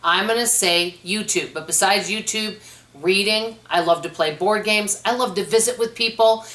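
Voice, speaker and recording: A chatty woman answering viewer questions at home in a casual vlog, telling stories in a lively way. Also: medium pitch, moderate pace. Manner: chatty, animated storyteller. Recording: roomy echo.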